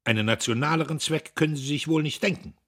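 A man's voice: low voice, lively intonation, normal speed, a bit bright, breathy edge, exaggerated voice. A man voicing a cowardly, ruthless social climber who talks pushily, fawning upward and sneering downward. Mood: contemptuous. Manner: pushy, contemptuous, eager to please superiors.

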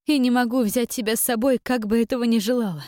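Gentle storybook mother voiced by a woman, soothing, slightly raised pitch, dry close sound. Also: fairly even intonation, quick pace, no room sound, natural voice. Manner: soft, soothing, quietly firm. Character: tender mother parting from her daughter.

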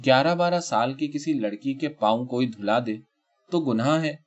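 A man's voice: mid-range voice, highs cut off, lightly acted. A man reading as a frightened, trembling woman. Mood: fearful. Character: frightened trembling woman, tearful, middle-aged.

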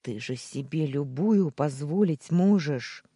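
A desperate young man in an audiobook drama, shouting and pleading in a loud, husky voice, as the male narrator voices him. His tone turns to snarling as he rages, and the sound stays dry and close. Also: fairly high pitch, slow pace, no room sound.

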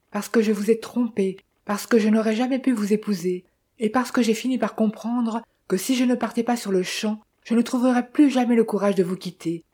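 A woman's voice: medium pitch, mellow, breathy edge, lightly acted. A woman voicing a torn young woman. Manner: pleading, sorrowful.

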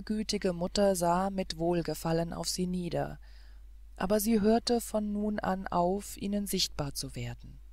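Woman, audiobook narrator, fairy tale, calm and measured, very slow, dry close sound. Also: medium pitch, no room sound.

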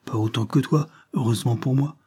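A man's voice: mid-range voice, brisk, breathy edge, close to an everyday voice. Man voicing a blunt, fatherly police officer. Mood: paternal. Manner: calm and paternal.

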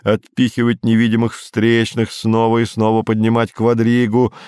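A man's voice: fairly low pitch, monotone, normal speed, darkish tone, clear, resonant tone, no echo. Grave male audiobook narrator, dry sound. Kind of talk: scripted literary narration.

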